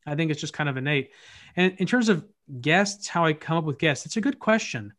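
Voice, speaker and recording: A man's voice: on the high side, animated, fairly quick, a bit bright. A man in a casual interview on a video call, talking his answers through thoughtfully with frequent restarts. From United States. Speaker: podcast host appearing as guest.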